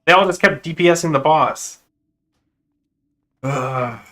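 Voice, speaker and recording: A man giving live commentary while playing a game, venting his irritation at teammates and trying to calm himself down. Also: on the high side, unhurried. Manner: exasperated, venting, then calming himself down. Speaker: gamer.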